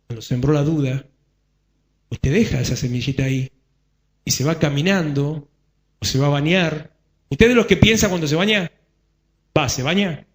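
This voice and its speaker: A male pastor with a Rioplatense accent preaching a conversational sermon, repeating phrases for emphasis and making joking asides to the congregation. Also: fairly high pitch. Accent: Rioplatense Spanish.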